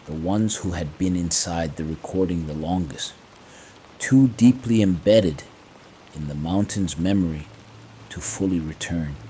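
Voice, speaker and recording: A man narrating scripted horror stories to fall asleep to, in hushed, creeping, ominous tones with measured, dramatic pauses. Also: low-pitched, a little hiss or hum, low-quality recording. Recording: faint rain ambience behind. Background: soft rain sounds.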